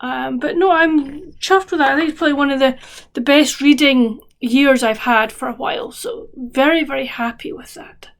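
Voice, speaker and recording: A woman with a fairly high voice talks casually to her viewers as a book vlogger. She rambles along with many restarts and fillers. She sounds a bit tired. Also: moderate pace. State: tired, yawning. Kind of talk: casual chat to camera.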